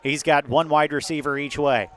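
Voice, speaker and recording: A man with an American accent doing live football play-by-play outdoors atop a windy press box, lifting into excitement on big plays. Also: fairly high pitch, moderate pace. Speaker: play-by-play sports announcer. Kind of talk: live American football radio-style commentary. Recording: windy outdoor stadium broadcast.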